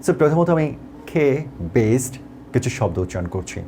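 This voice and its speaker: A man teacher with a Bangladeshi accent and a warm, mellow voice, guiding a pronunciation lesson. His pitch rises and falls a lot as he explains and slowly repeats example words and sounds. Faint background noise runs under the recording. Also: sing-song. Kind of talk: tutorial lesson.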